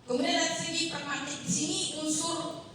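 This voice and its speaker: A young woman giving a seminar presentation, halting and apologetic, with many fillers and self-corrections. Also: extremely high pitch, little pitch movement, fairly bright tone, slight background noise. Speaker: student presenter. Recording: very echoey room, voice from far off.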